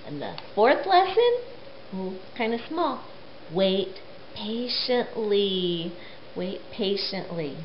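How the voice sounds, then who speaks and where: This muffled recording, with faint noise behind it, features a woman telling children a Bible story. Her voice is mid-range and her pace slow, and she narrates in an animated, expressive way.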